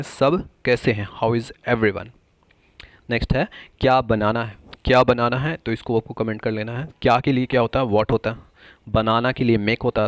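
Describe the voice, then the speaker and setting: A man teaching everyday English phrases, repeating each one slowly and asking viewers to comment their answers. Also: medium pitch, dry recording.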